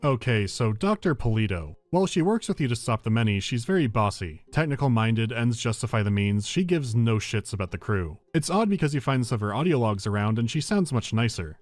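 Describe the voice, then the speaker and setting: A man's voice: medium pitch, sing-song, brisk, few pauses. A man narrating a scripted video game review with dry, wry humour. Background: game music.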